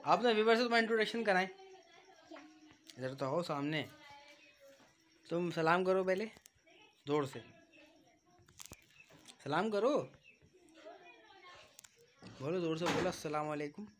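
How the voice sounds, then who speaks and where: A man's voice: high voice, lively intonation, measured pace, pauses often, fairly bright tone, a little hiss or hum. Host-type man with a Karachi Urdu accent, jokey family-vlog chatter, phone audio. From Karachi, Pakistan. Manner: joking, teasing, addresses viewers directly. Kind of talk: casual family vlog chat. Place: home during a power cut. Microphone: phone, no external mic.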